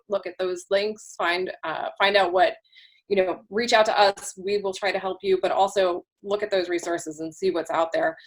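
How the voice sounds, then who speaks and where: A woman council member giving an informal, wandering report over a video call, her voice worn from a long day. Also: mid-range voice. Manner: informal, wandering, many restarts. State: losing her voice.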